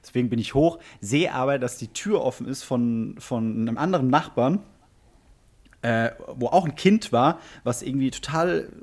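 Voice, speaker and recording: A man's voice: medium pitch, moderate pace. A man co-hosting a casual podcast, telling a funny anecdote and acting out his own reactions. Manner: animated storyteller, acts out his own reactions. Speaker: podcast co-host.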